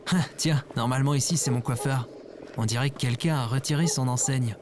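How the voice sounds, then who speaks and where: In an acted audio comedy, an actor plays a lazy, grumbling slacker in his thirties, sounding casual, slangy and deadpan. His mid-range voice moves briskly with light acting and a mildly amazed mood, over a noisy background.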